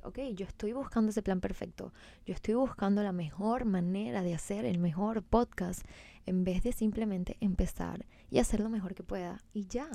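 A woman's voice: medium pitch, gravelly, warm tone, dry recording. A young woman hosting a solo podcast in a casual, chatty, emphatic way, mixing in English words. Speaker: podcast host.

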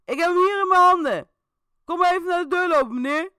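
A woman voicing a loud, insistent male police officer who shouts orders in a commanding tone. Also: very high-pitched, fast, no room sound, studio quality, voice pushed up.

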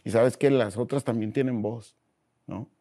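A man with a Mexican Spanish accent, a guest in a casual interview, talking in slangy, animated bursts and acting out voices as he tells stories. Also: mid-range voice, normal speed.

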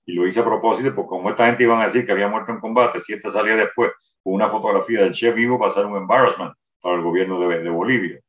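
Older guy talking fast, lowish voice, sounds far off in an echoey room, kinda dull audio. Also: steady tone, a bit bright. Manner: detailed storytelling with restarts. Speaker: interviewee recounting a wartime memory. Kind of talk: first-person testimony. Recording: roomy, distant, dull sound.

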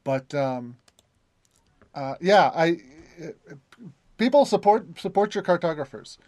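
A man's voice: a little high, animated, slow pace, darkish tone, no room sound. A man narrating as game master in a tabletop game, hesitant, with many fillers and restarts.

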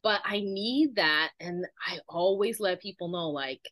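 Woman, podcast host, lowish voice, reflective, casual interview chat, dry close sound. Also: measured pace, a bit bright, dry recording. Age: adult with children.

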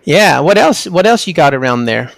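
A man's voice: fairly high pitch, big pitch swings, normal speed, creaky, no echo. A man hosting a podcast in a casual, chatty interview style. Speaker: podcast host.

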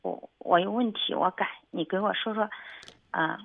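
Woman caller, hesitant and stammering, gravelly voice over a thin phone line. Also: medium pitch, dry recording. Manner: halting, hesitant, many restarts. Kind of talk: radio call-in, telling a personal problem. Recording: phone-line call on radio.

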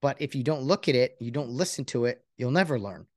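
A man's voice: medium pitch, lively intonation, darkish tone, no echo. Brief: man, podcast host, earnest rambling monologue, mid-range voice, very dry. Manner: rambling, earnest, self-reflective; halting with many restarts and fillers. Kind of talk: casual solo podcast monologue.

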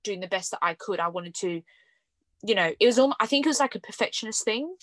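A woman's voice: mid-range voice, lively intonation, quick pace, a bit bright, no room sound. A young woman hosting a podcast, chatting casually with frequent fillers and light laughs. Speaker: podcast host. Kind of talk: casual conversational podcast chat.

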